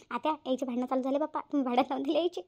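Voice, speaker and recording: A woman's voice: high-pitched, fast talker, mellow, muffled recording, voice pushed down. A woman voicing an indignant young daughter-in-law in a cartoon, with a Vidarbha Marathi accent. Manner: indignant, defensive. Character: young daughter-in-law, defensive and sharp-tongued. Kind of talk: cartoon voice acting.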